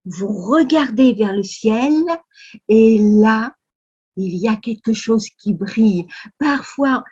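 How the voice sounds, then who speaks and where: A woman with a French accent running a Sunday school lesson for young children. She speaks very slowly, with a breathy, slightly husky tone and a fairly high voice. Her delivery is full of exaggerated exclamations meant to keep little ones engaged. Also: animated, dark tone, highs cut off. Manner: slow, exaggerated storytelling for kids, full of exclamations.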